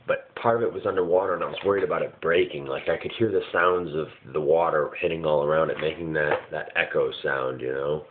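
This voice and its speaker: A man's voice: deep voice, slight background noise. A man casually recounting his dreams in a hazy, puzzled way, vague and often searching for words. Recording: muffled phone-like lo-fi sound.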